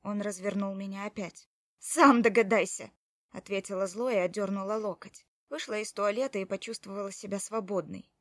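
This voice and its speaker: A woman's voice: mid-range voice, brisk, hardly any pauses, dry recording, studio quality. Woman narrating an audiobook in first person. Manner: expressive, emotional reading.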